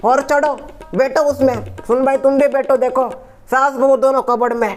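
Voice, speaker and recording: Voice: high voice, level tone, moderate pace, natural voice. A performer playing a weary, moralizing older father-in-law in a family comedy skit, lecturing in a tired way. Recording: echoey room, faint background music.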